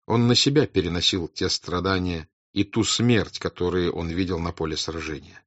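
A man narrating a classic novel as an audiobook in a measured, grave, deliberate reading style. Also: low voice, fairly bright tone, dry recording. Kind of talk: scripted literary narration. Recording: dry, dull lo-fi recording.

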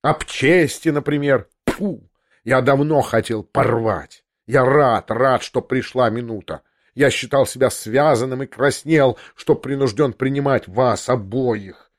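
A man's voice: mid-range voice, a little slow, close to an everyday voice. A man doing a scornful, arrogant prince. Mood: contemptuous. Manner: contemptuous, cutting and mocking. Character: arrogant aristocratic prince, scornful, pacing in anger. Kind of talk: audiobook character reading.

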